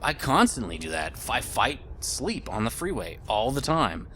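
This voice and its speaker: A man's voice: mid-range voice, very animated, moderate pace, a bit bright, a little hiss or hum. A man in his late thirties giving casual gameplay commentary, rambling and thinking aloud as he plays. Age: late 30s. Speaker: gaming video host.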